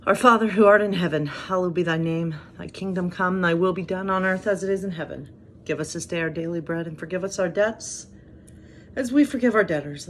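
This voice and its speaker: A woman's voice: lowish voice, slight background noise. A woman pastor in her thirties, who talks in a chatty, self-deprecating way with light humor, moving between casual devotional talk and reading aloud. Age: 30s.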